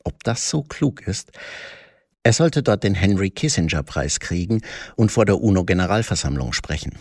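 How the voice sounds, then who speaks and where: A man's voice: sits low, lively intonation, moderate pace, a little mellow, dry recording, studio quality. A man reading scripted satirical commentary with a sardonic, mock-pompous delivery.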